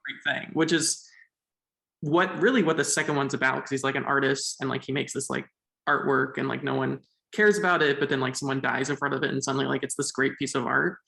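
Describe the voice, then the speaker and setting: In an echoey room, a man co-hosting a podcast muses casually on a film's themes, using fillers as he thinks out loud. His medium-pitched voice is gravelly, bright and forceful, holding a steady tone at a slightly fast pace.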